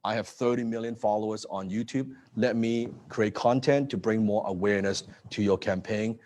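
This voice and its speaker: Energetic man, keeps asking "right?". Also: fairly low pitch, moderate pace, a little hiss or hum. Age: 30s. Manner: energetic, repeats words and asks "right?". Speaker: presenter. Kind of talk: live-streamed business talk.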